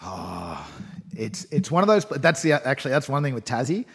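A man's voice: mid-range voice, sing-song, normal speed, breathy edge. Laid-back blokey Australian man chatting. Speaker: podcast guest. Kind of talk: casual chat.

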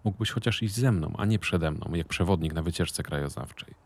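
A man voicing a bored, sulky young woman in a storybook reading. She complains quickly, through her teeth. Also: sits low. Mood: irritated.

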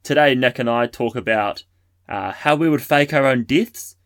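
A man's voice: mid-range voice, normal speed, a bit bright, no echo. A man hosting a podcast in casual, joking banter with laid-back slang. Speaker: podcast host.

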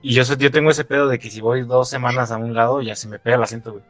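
A man's voice: medium pitch, fairly even intonation, very fast, fairly bright tone. A man with a Mexico City accent co-hosting a podcast, slangy and swearing casually. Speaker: podcast co-host. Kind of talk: casual chat.

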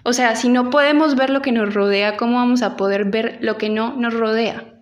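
A woman's voice: fairly high pitch, steady tone, moderate pace, dull audio. A woman giving an instructional audio lesson as an acting teacher, speaking directly to the listener and guiding them through an exercise. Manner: addresses listener directly with instructions and reflective questions.

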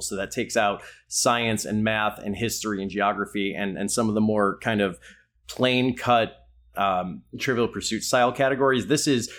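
A man's voice: lowish voice, a bit bright. A man hosting a casual roundtable podcast about trivia, with wry, sarcastic asides. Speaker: podcast host.

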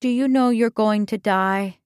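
A woman's voice: medium pitch, unhurried, a little mellow, clean tone, no echo, studio quality, lightly acted. A woman reading as an anxious young woman sleuth. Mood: uneasy.

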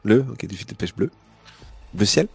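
Low-voiced man running a tabletop game. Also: animated, normal speed, vocal fry, slightly rough. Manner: loose, chatty, many fillers. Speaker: game master.

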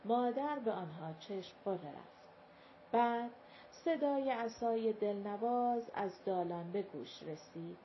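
A woman reading a novel aloud in calm, measured scripted narration. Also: mid-range voice. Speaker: audiobook narrator. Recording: dull lo-fi recording with faint hiss.

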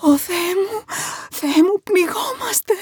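A woman voicing a terrified mother trapped in a sinking car, pleading frantically in a husky voice for a horror audiobook. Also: extremely high pitch, lively intonation, a little mellow, no echo, studio quality, voice pushed up. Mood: panicked pleading.

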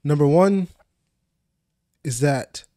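A young man co-hosting a podcast, animated when telling stories and quick with affirmations in casual chat. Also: a little high, dry recording, studio quality. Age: young adult. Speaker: podcast co-host.

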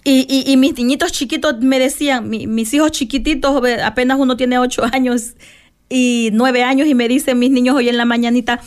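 Fervent high-voiced woman preaching. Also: fairly even intonation, brisk. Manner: fervent, repetitive, tender. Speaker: lay preacher. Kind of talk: devotional preaching.

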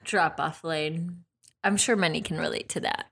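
A woman's voice: low voice, fairly even intonation, normal speed, creaky, a bit bright, husky. A woman chatting casually as a podcast co-host, laughing along with her partner. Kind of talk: casual chat.

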